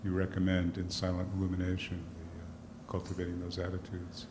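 A man's voice: low-pitched, monotone, fairly quick. A man, a retreat participant, introducing himself to the group in a thoughtful, hesitant way. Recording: echoey room with loud background noise.

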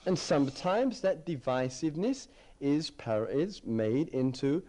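Reflective male meditation teacher, lively pitch. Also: measured pace. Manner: reflective, repeats phrases while searching for words. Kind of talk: dharma talk at a retreat.

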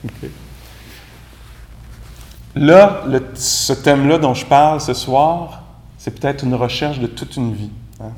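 A Quebec meditation teacher with a Quebec French accent gives a casual, conversational dharma talk, sprinkling "tu sais" throughout. His medium-pitched, darkish voice moves slowly with long pauses, recorded in an echoey room with faint background noise.

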